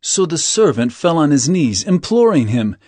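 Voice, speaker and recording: An actor playing Jesus as an earnest, emphatic teacher of solemn parables in a dramatized scripture reading. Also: male voice, on the high side, very animated, normal speed, dark tone, no echo. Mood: solemn storytelling.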